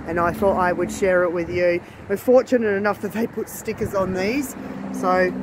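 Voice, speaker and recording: A vlogger with a medium-pitched voice strolls an outdoor car wrecking yard, holding her phone as she admires what she sees, thinks out loud, and asks rhetorical questions. Wind noise fills the noisy outdoor phone recording.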